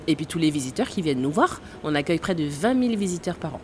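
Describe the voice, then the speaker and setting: This tour guide at a space center speaks in a low, sing-song voice at a quick pace, a little mellow, with slight background noise. She's a Caribbean woman in her thirties, born in Guadeloupe and raised in French Guiana, answering interview questions with frequent fillers and occasional laughter.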